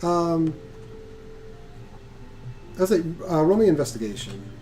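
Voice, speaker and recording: A man's voice: fairly high pitch, very animated, slow, background noise. A man narrating as game master of a tabletop game, chatty and laughing often, with many restarts.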